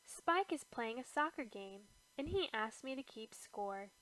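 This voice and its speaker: Eager little boy cat for a storybook, devoted and high-pitched, unhurried delivery, played by a woman reader. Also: expressive, fairly bright tone, low-quality recording. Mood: coaxing. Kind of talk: children's storybook read-aloud.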